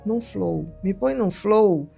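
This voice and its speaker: Animated middle-aged Rio storyteller woman. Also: mid-range voice, takes it slowly, vocal fry, husky, faint music behind. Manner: animated storyteller, acts out quoted voices. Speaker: psychiatrist guest. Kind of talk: casual podcast conversation, storytelling.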